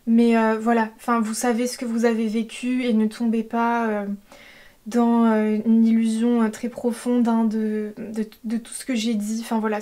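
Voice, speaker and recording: A woman giving an intuitive tarot reading, talking hesitantly with many fillers and a gentle tone. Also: a little high. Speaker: tarot reader. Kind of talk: intuitive card-reading guidance.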